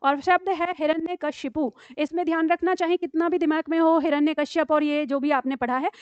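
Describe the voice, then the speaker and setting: A high-voiced woman teaching a class, patiently walking students through spelling tricks and quizzing them. The sound is dry and close, with a dull, lo-fi edge. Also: steady tone, a little fast, no echo. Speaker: Hindi teacher. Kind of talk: live classroom lecture.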